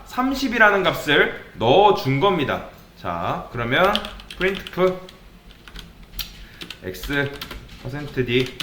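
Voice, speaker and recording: Coding teacher guy quizzing viewers, kinda high voice, bright and sharp. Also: echoey room, a little hiss or hum. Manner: asks rhetorical questions and answers them. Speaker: programming instructor. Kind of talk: coding lecture with questions to viewers.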